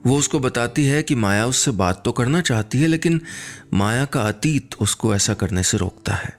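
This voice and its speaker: A man narrating a story on a radio show in a calm, unhurried way. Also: mid-range voice.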